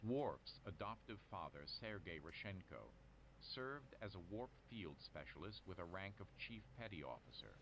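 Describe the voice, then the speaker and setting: An actor playing a male quiz announcer who reads trivia questions and answer options in a measured, formal way. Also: low-pitched, very animated. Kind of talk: scripted game show announcing. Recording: noisy game audio.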